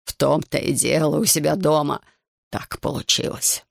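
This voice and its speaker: A man voicing a distraught heavyset businessman begging for help for his arrested son, in a slow, broken, pleading way. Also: fairly high pitch, steady tone, creaky, fairly bright tone, no room sound, clean studio sound. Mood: desperate pleading. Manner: desperate, pleading, slowed and broken.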